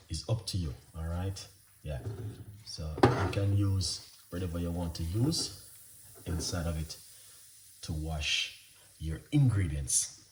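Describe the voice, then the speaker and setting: A very deep, soft-spoken man talks through a recipe in a relaxed, rambling way. He sits back from the mic in an echoey home kitchen. A faint hiss runs under the sound. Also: distant mic. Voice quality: soft, low-volume voice. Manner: unhurried, chatty, with frequent fillers and apologies. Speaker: recipe channel host. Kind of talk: casual cooking demonstration.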